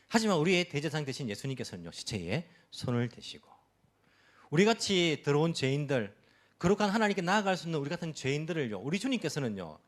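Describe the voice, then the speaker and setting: A pastor preaches a sermon at a church service, putting rhetorical questions to the congregation and explaining his points with everyday examples. He has a mid-range voice.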